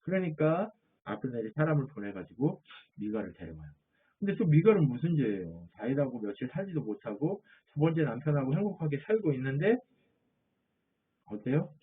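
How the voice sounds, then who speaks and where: A man's voice: medium pitch, big pitch swings, moderate pace, a little hiss or hum. A man preaching a sermon as a pastor, asking his listeners questions and answering them himself. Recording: tinny phone-like audio.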